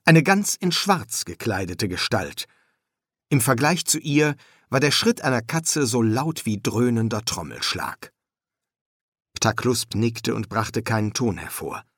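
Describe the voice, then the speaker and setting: A male audiobook narrator reading at an unhurried, deliberate pace. His mid-pitched voice moves expressively up and down, recorded close and dry with no room sound. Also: sing-song, breathy edge, no echo. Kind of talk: scripted narration.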